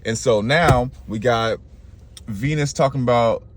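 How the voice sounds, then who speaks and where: In an unhurried, medium-pitched voice, the host of an astrology channel casually recounts a myth. He rambles with slang, stays lively, and keeps breaking off to correct himself.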